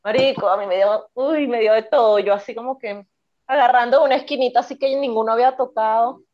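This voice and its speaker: A woman's voice: a little high, steady tone, fairly quick, muffled recording. A Venezuelan woman in her twenties, a podcast co-host telling stories in casual, swearing chat. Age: 20s. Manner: chatty storyteller, swears freely.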